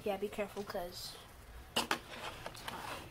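In a slow, flat, medium-pitched voice, a teenage girl serves as guest cook for a casual home-kitchen demo. She's chatty yet unsure, filling gaps with fillers. A handheld phone camera captures it all in a noisy recording.

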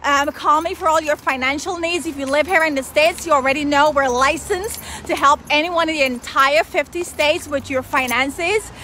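Excited high bright-voiced woman vlogging outdoors. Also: moderate pace, few pauses. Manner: excited, chatty, lively. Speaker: financial advisor. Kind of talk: live-stream vlog. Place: city street outdoors. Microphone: phone at arm's length. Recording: faint traffic noise outdoors. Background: street traffic.

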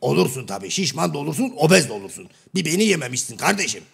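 Brief: a man playing a raspy, half-deaf shadow-play joker, rough gravelly voice that swings wildly up and down, cheeky and mock-innocent. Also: a little high, big pitch swings, rapid-fire, a bit bright, heavily acted. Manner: mishears everything and answers with cheeky misunderstandings. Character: Karagöz, blunt mishearing everyman, male, middle-aged. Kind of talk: comic shadow-play sketch.

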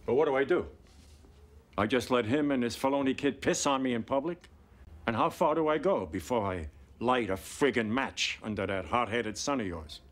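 An actor playing a grumpy, profane, quick-tempered old mob uncle in a television drama, a man. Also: medium pitch, natural voice. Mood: grumpy, irritated. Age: 70s.

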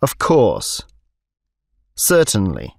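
A man reading short English phrases slowly and carefully for beginners in a language lesson. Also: on the low side, huge pitch swings, vocal fry, darkish tone, dry recording, clean studio sound. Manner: deliberate, carefully enunciated. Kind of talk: slow clear phrase reading for learners.

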